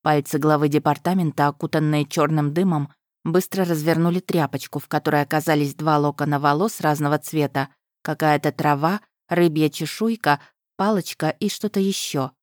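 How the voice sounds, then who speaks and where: Woman reading a fantasy audiobook, low voice, dry close sound. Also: steady tone, moderate pace, no room sound. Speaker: audiobook reader. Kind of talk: first-person fantasy audiobook narration.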